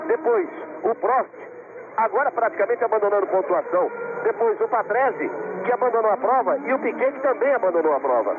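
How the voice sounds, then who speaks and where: Man, Brazilian accent, motorsport commentator, high voice, dramatic repeated phrases, thin radio-like sound over engine noise. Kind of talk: live race play-by-play commentary. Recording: tinny radio-like broadcast, engine noise behind.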